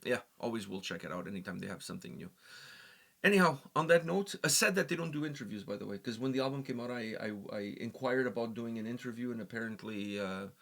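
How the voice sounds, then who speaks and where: A young man co-hosting a music reaction show, chatting casually and ranting with animated, jokey energy. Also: mid-range voice, fast talker, gravelly. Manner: rambling, animated, jokey rants. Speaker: reaction channel co-host. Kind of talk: casual chat.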